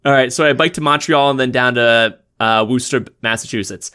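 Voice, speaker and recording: Guy cohosting, rambly, lots of uhs, medium pitch. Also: pushed and bright, smooth. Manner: rambling, halting with fillers and restarts. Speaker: podcast co-host. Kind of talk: casual chat.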